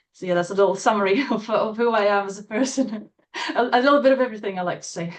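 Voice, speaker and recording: A woman from Latvia, a guest in an interview, speaking in a thoughtful, hesitant way with many fillers and soft laughs. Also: mid-range voice, a little fast. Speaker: interview guest, trauma-informed coach. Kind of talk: casual interview chat.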